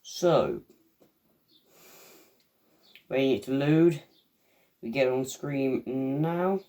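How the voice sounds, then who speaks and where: A man's voice: mid-range voice, animated, very slow, warm tone. A man, talking casually to viewers as a video reviewer. He rambles and hesitates, with many fillers and restarts, and makes chatty asides as an eager fan.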